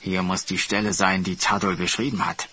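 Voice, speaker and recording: A man's voice: low voice, level tone, normal speed, sharp tone, husky, pitched below the performer's own voice, exaggerated voice. A man doing a whiny, envious woodcutter. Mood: grumbling. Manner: theatrical wailing and grumbling.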